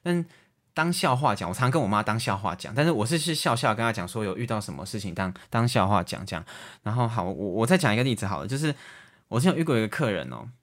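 Fast-talking Taiwanese man telling stories. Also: on the low side. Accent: Taiwanese Mandarin. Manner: animated, acts out callers in raised voices. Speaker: podcast guest, debt collector. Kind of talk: casual storytelling chat.

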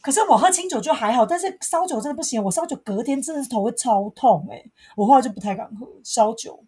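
Smoky-voiced, animated woman. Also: fairly high pitch, fast. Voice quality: smoky husky voice. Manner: expressive, laughing, teasing. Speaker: podcast co-host. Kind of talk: casual chat.

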